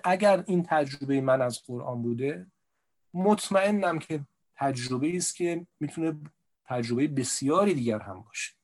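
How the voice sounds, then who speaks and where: A male guest in a discussion, earnestly explaining a personal view. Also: mid-range voice. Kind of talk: conversational discussion.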